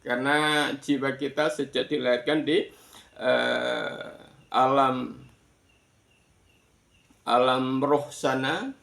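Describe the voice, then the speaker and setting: A man giving an explanatory religious lesson, deliberate, pausing between short phrases and repeating words for emphasis. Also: mid-range voice, vocal fry, fairly bright tone. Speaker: Islamic religious teacher. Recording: echoey room.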